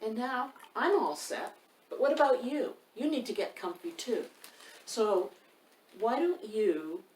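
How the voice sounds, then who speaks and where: With a mid-range, darkish voice, an author hosting children's storytime reads a picture book aloud and asks her young audience questions. The recording comes from an indoor room by a wood stove, roomy-sounding through a distant mic, with faint noise.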